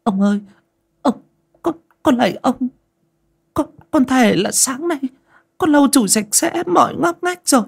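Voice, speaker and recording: A man doing a timid servant woman, crying and stammering as she begs, her voice pitched very high. It sounds husky and wavering in this storybook telling. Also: lively intonation, measured pace, long pauses, full character voice. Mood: tearful pleading. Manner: stammering, begging. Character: poor young servant woman, timid and pleading. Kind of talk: audio folk story narration.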